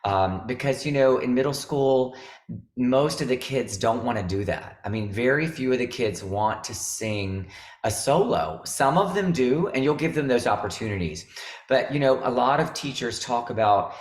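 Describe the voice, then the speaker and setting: A man's voice: mid-range voice, animated, moderate pace, roomy sound. A man in his fifties, a veteran music teacher hosting a video call, talking in a rambling, chatty way full of fillers. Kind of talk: casual video-call chat.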